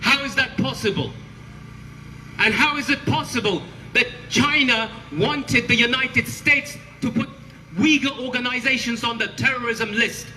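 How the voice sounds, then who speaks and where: A man delivers a roaring, impassioned rallying speech in a high-pitched, piercing voice. He is emphatic and leans on rhetorical questions. The sound is reverberant, with noise behind him. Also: a little slow, bright, forceful tone. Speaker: protest speaker, former prisoner. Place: outdoors at a street protest. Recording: noisy outdoor rally, reverberant amplified voice.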